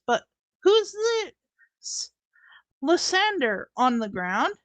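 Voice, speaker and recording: A woman reading a high-voiced scorned young lady. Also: fairly bright tone, no echo, heavily acted. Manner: halting, restarting lines. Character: lovelorn young noblewoman, scorned and pleading. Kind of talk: amateur live-stream Shakespeare reading.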